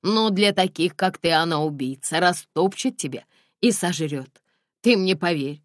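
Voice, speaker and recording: A woman reading a gruff but caring man, a driver who lectures the girl. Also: fairly low pitch, lively intonation, unhurried, no echo, clean studio sound. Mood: lecturing.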